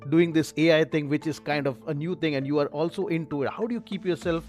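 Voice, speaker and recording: A man hosts a podcast interview, asking his questions eagerly and admiringly. His voice sits a little higher than most men's. Faint music hums in the background. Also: fast, a little mellow. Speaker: podcast host.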